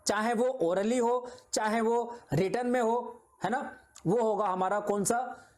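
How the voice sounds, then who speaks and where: A man with a high, slightly mellow voice teaches an exam-prep video lecture. He explains patiently using simple examples, repeats his points, and keeps checking in with students.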